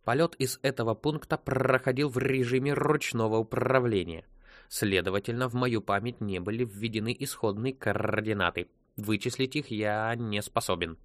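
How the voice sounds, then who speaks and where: A man voicing a polite, unhurried male ship computer that talks in a slow, measured, dutiful way. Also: medium pitch, creaky, no room sound, lightly acted. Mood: matter-of-fact.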